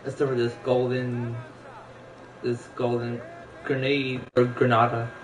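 A man's voice: mid-range voice, monotone, unhurried, a crowd in the background, rough recording. A man casually commenting on his gameplay, mumbling to himself as he browses items. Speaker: streamer playing a video game.

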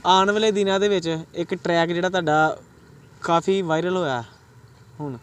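A reporter interviews a singer for a web news channel, sounding eager and promotional as he urges viewers on. His voice sits high, smooth, at a normal speed.

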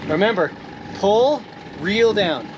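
A man hosting a sailing vlog, chatting excitedly while coaching his partner through catching a fish outdoors on a boat. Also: sits high, slow pace, muffled recording. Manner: excitable, coaching, laughs often. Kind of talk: casual chat on a boat while fishing. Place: outdoors on a sailboat at sea. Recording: noisy outdoor boat recording.

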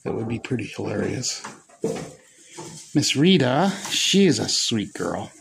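Slow-talking man filming in a noisy barn. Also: big pitch swings, gravelly. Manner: slow, rambling, talks to his goats in high baby talk. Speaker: goat farmer vlogger. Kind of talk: casual chat to camera while filming his goats. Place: goat barn pen, indoors. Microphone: phone camera held by the speaker. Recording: noisy barn phone recording.

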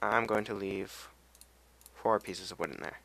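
Commenting on a video game, a young man speaks in a fairly low, creaky voice with a fairly bright tone and a measured pace. He rambles casually, goes off on tangents, and hums and sings to himself.

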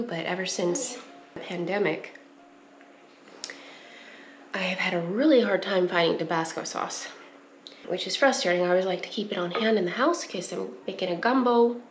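This young homestead cooking vlogger speaks at a normal speed in a lowish voice, leaving long pauses as she casually talks through her kitchen project. Chatty and easy to laugh, she coughs at pepper fumes, recorded by a wide counter camera in an echoey kitchen with background noise.

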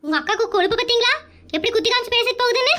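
Shrill fast-talking woman. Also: animated, sharp tone. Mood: nagging. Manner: nagging, suspicious, quick-witted. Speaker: comedy creator playing the wife. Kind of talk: comedy skit acting.

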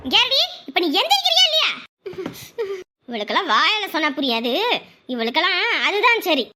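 A woman's voice: very high voice, huge pitch swings, a little fast, heavy background noise, full character voice. Nagging cartoon stepmother. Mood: grumbling. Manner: nagging, scolding. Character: scheming, scolding stepmother, middle-aged woman. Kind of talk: Tamil cartoon voice acting.

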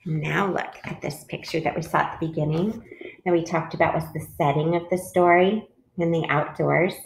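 A woman reading a picture book aloud to children as a teacher, gently stopping to ask them questions. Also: sits low, fairly even intonation, normal speed, creaky, noisy background. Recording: roomy echo.

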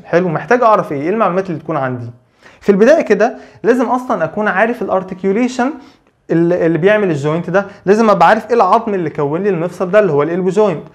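A man with an Egyptian Arabic accent giving a physical therapy lecture, asking questions and answering them himself. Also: a little high. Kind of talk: lively explanatory lecture.

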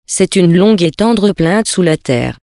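A narrator reads a literary tale in measured, poetic phrasing. The voice sits at a middle pitch, and the recording is dry and close with no room sound. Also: lively intonation, dark tone, no room sound. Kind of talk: literary story reading.

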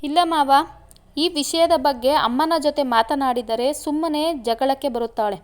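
A woman's voice: high voice, unhurried. A woman reading aloud, voicing a young man who coaxes and protests as he defends himself to his sweetheart. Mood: pleading. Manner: coaxing, protesting.

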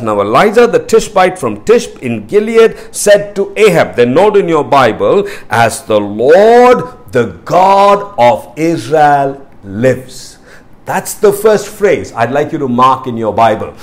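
A man's voice: medium pitch, sing-song, normal speed, hardly any pauses. A man preaching a sermon, emphatic and repetitive, stressing key words and phrases. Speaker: pastor.

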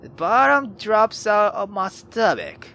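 A woman hosting a let's play, reading a visual novel aloud with loud, profane, emotional reactions. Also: medium pitch, sing-song, slow.

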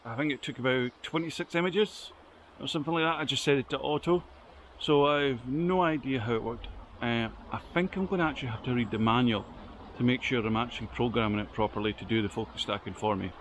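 Out in the woods beside a stream, a photography vlogger chats casually to the camera, rambling and dropping plenty of ums. His medium-pitched voice is brisk and fairly bright, with a faint hiss or hum in the audio.

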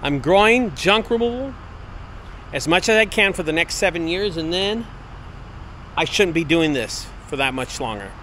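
A man in his late forties gives a casual walk-and-talk vlog through an empty warehouse and out in the open air. His voice sits slightly high, and he speaks earnestly, circling back to the same points. Faint outdoor noise runs behind him. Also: animated, normal speed, a bit bright. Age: 40s. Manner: earnest, repetitive motivational pep talk. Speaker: business owner vlogger. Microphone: wireless earbud mic, handheld camera.

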